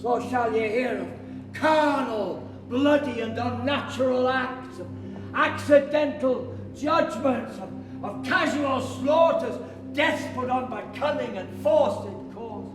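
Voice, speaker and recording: An actor playing a loyal, grieving young friend in a stage tragedy, with solemn, measured declamation. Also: male voice, extremely high pitch. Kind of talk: theatrical stage tragedy in verse. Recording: distant reverberant hall, loud music.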